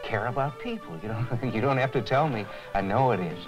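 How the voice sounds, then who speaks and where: Over music, the lead character of a 1980s training film, a man, reflects earnestly on what he has learned with lively intonation. His mid-range voice is fairly quick, and the audio is poor.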